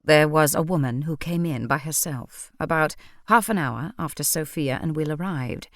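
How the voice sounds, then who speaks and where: Deadpan vampire guy, cool and dry, low-ish voice, read by a woman in a dry booth. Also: moderate pace, no room sound, lightly acted. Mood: calm dry. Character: suave male vampire, calm, dryly ironic.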